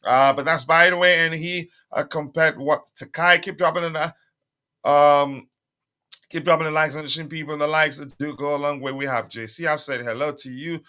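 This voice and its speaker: Slightly high and smooth, the man's voice has a sharp tone, fairly even intonation, and a moderate pace. As host of a laid-back live stream, he talks with his audience, reads their comments, fills his speech with fillers, and keeps asking for likes, his strained voice still on the mend.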